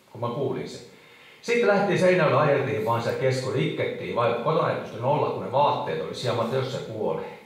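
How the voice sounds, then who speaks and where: A middle-aged man tells his testimony to a congregation, halting and emotional, full of small fillers and restarts. His voice sits at an ordinary pitch. It rings through a big echoey hall and sounds set well back from the microphone. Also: recorded from a distance. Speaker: preacher giving testimony. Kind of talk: testimony sermon.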